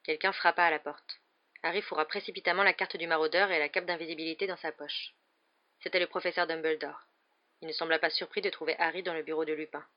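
A reader giving steady, scripted narration of a storybook chapter. The voice sits in a middle range, and the recording has a slightly dull, lo-fi sound. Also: medium pitch, fast talker. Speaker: audiobook reader.

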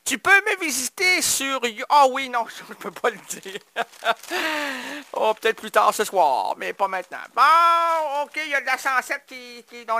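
A man's voice: very high voice, bright, forceful tone, no echo. A man hosting a radio show, improvising a playful, rambling comic monologue full of puns and talk aimed at imagined listeners. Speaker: radio host. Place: radio studio.

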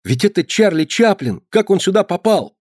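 A man's voice: on the high side, lively intonation, quick pace, darkish tone, dry recording, studio quality, pitched above the performer's own voice. A man reading aloud, voicing an eager, easily amazed young boy. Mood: excited. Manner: eager, exclaiming. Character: excited wide-eyed young boy.

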